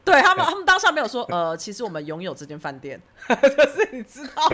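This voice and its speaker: Lively fast-talking woman telling a story. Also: fairly high pitch. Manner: animated storytelling, acting out her own past lines. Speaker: podcast host telling a story. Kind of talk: casual chat.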